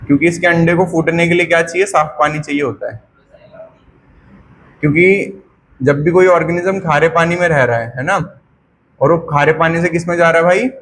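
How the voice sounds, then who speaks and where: In a classroom biology lecture, a man raises his voice to drill students with repeated questions and answers, slowing down when he dictates notes. His voice is fairly high and bright with fairly even intonation, and faint background noise is audible.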